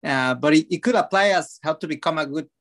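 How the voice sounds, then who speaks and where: A man's voice: on the high side, quick pace, a bit bright. A man in a casual interview, talking with a hesitant manner and many "I mean"s. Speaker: podcast co-host, guest.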